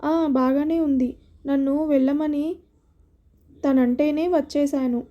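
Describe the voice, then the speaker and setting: A woman's voice: high voice, fairly even intonation, takes it slowly, dark tone, muffled recording. A woman voicing a caring, outspoken middle-aged woman who teases and scolds her friend. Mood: chatty. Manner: teasing, then scolding.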